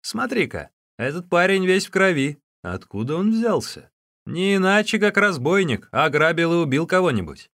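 A man voicing coarse bandit henchmen in an audiobook, with a raised, excited, shouting delivery. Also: sits high, moderate pace, dry recording, clean studio sound, pitched above the performer's own voice, exaggerated voice. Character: rough loud male bandit henchmen.

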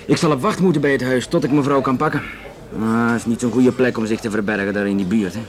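In a naturalistic radio drama, a male actor with a Flemish accent plays a talkative, matter-of-fact Belgian police investigator. His mid-range voice is quick and close to everyday speech as he explains things conversationally with some hesitation, sounding casual but guarded.

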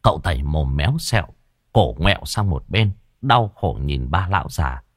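A man's voice: extremely low pitch, normal speed, breathy edge, dry recording, clean studio sound. A man telling a comic ghost story vividly. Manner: lively, vivid narration.

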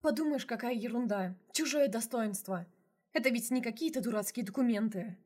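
A woman voicing a sharp-tongued young heroine in an audiobook, with a wry, teasing manner and a husky voice. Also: a little high, fairly quick. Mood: sarcastic.

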